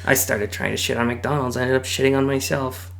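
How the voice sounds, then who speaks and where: A man's voice: mid-range voice, fairly even intonation, creaky, fairly bright tone, a little hiss or hum. A man hosting a show, reading online posts aloud and joking about them, often laughing between lines. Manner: jokey, laughs often, quick asides. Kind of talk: casual read-aloud with commentary.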